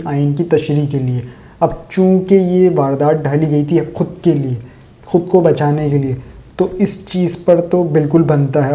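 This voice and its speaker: A man's voice: a little high, mellow. A man from Pakistan delivering sarcastic, opinionated solo political commentary straight to his viewers.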